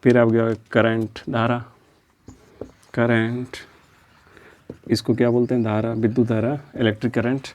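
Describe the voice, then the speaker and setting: A man's voice: medium pitch, unhurried, pauses often. A man teaching a physics lesson in a lecture style, asking questions and answering them himself, repeating key terms as a drill. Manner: steady, explanatory, drills terms.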